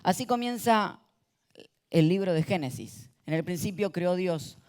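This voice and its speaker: Man preaching a lively sermon. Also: high voice, a little slow, clean tone. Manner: animated, calls congregation to repeat words. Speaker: pastor. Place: church auditorium. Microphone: handheld or stage mic.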